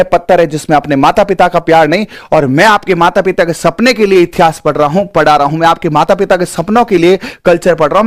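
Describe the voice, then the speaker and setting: A high-pitched male teacher, teaching a live online exam-prep lesson. His voice swoops up and down as he coaxes students and repeats points to drill them in. The sound is close and dry, with no room echo. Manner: animated, coaxing, repeats key points.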